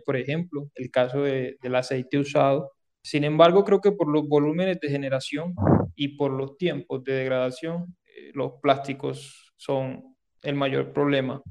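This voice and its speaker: A man's voice: mid-range voice, darkish tone. A man with a Colombian Caribbean coastal accent explains things as an interview guest, hesitantly, repeating words and adding tag questions. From Córdoba, Caribbean coast of Colombia. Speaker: interview guest, engineer and researcher. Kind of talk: spoken interview answers, explanatory.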